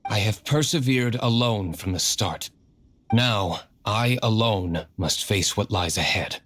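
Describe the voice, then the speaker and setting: An actor playing a brooding, coolly courteous young master of a tavern in a video game, formal and reserved. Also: male voice, fairly low pitch, takes it slowly, fairly bright tone, soft background music. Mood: solemn, resolute.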